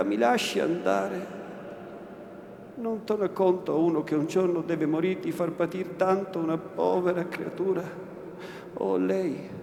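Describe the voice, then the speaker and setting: A man's voice: sits high, exaggerated voice. A man voicing a terrified young woman who pleads and implores in a trembling voice, recorded in an echoey hall. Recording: echoey hall, faint noise.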